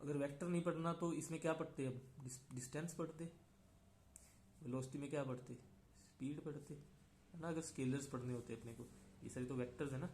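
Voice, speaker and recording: A man's voice: mid-range voice, steady tone, fairly quick, a little mellow, reverberant, a little hiss or hum. A man teaching a physics lecture. He goes step by step and keeps checking in with his listeners. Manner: explains step by step, often checks in with "है ना". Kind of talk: classroom lecture mixing Hindi and English.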